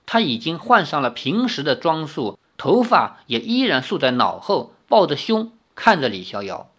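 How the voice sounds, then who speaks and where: An audiobook reader narrating a novel adapted from a game, expressive, with casual personal asides. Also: medium pitch, normal speed.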